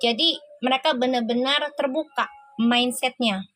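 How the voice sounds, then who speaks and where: A woman's voice: high-pitched, measured pace, a bit bright, dry recording. A woman doing a casual live tarot reading, exclaiming and laughing often as she talks. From Indonesia. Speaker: tarot reader.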